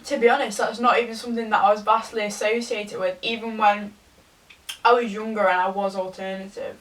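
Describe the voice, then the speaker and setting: A young woman, tipsy, giving a rambling, halting confessional rant to a camera some distance away. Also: medium pitch, level tone, fairly bright tone. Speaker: vlogger. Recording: distant from the mic.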